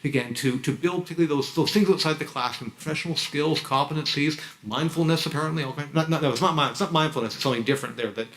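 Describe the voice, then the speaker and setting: Fast-talking man giving frank advice. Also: fairly high pitch, a bit bright, poor audio. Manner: frank, repeats and restarts words often. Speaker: university orientation speaker. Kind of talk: advice speech to new graduate students. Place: university orientation hall.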